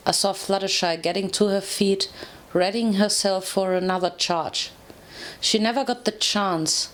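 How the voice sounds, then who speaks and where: A woman reading a first-person fan story aloud, steady and narrative, with occasional self-corrections. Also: medium pitch. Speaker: fanfiction reader.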